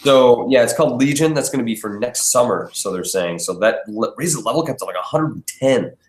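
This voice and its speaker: A man hosting a podcast in an almost empty basement, chatting in a relaxed, rambling way and chuckling often, his voice echoing off the bare room. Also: medium pitch, brisk. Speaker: podcast host. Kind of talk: casual chat.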